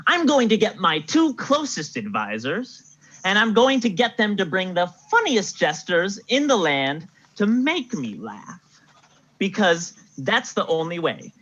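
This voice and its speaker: Sulky bored king, whiny complaining, husky voice, lively pitch, played by a woman, lo-fi sound. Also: a little slow. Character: bored grumpy king, grown man. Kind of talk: improvised comedy acting. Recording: dull lo-fi recording.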